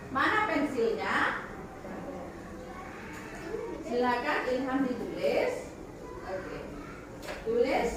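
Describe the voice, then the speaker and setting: High-voiced woman teaching a noisy, echoey class. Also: recorded from a distance. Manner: encouraging, calls on pupils by name, leads applause. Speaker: primary school teacher. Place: classroom full of children.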